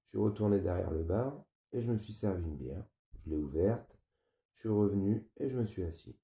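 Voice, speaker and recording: A man with a deep, gravelly voice reads a novel aloud in a flat, weary first-person tone. His sound is dark and mellow. It comes through muffled, with a roomy echo. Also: fairly quick. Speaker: audiobook reader. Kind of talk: novel reading.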